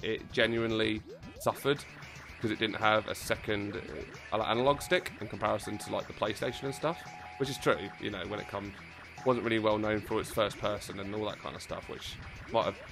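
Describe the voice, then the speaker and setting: A man streaming a video game, chatting casually and excitably, rambling and swearing as he plays. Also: on the low side. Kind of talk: casual livestream commentary while playing. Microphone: close desk mic. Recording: game music playing behind.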